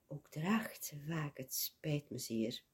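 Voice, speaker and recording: Breathy, slow woman reading rhyming verse. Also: low-pitched. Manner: dramatic, slow, drops to whispers. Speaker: storyteller.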